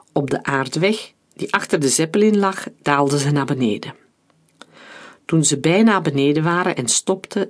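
An audiobook narrator with a steady, dramatic telling voice. The reading is measured and even, carrying the story forward line by line. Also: medium pitch.

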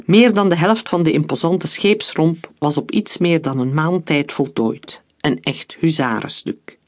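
A narrator reading a historical story in a steady storytelling voice. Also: mid-range voice, unhurried.

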